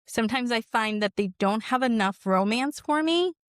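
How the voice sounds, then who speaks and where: A woman with a slightly high voice leads a gushing, chatty book review. She is effusive as she hosts, and the sound is very dry. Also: expressive, normal speed, dry recording. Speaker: book club podcast host.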